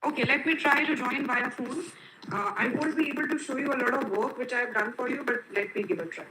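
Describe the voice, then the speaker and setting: A woman's voice: high-pitched, quick pace, background noise. Woman giving an online career talk. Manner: explanatory, repeats and rephrases points. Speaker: webinar speaker on career profiles. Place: video call from home setup. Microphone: computer mic without headset.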